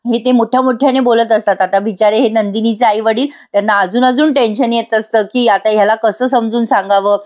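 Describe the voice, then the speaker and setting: A woman's voice: a little high, steady tone, brisk, hardly any pauses, a little mellow. A woman giving a chatty voice-over recap of a TV serial episode, talking directly to viewers. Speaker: TV serial reviewer.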